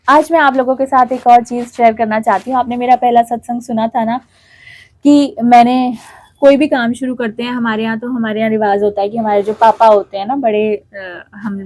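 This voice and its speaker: A woman's voice: on the high side, a little mellow. A middle-aged woman telling an emotional, heartfelt devotional testimony to a congregation.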